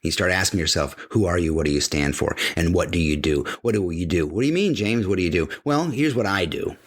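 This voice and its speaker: A middle-aged man hosts a podcast, delivering an emphatic motivational monologue in a deep, animated, brisk voice. He repeats phrases for weight and acts out the voices of imagined people.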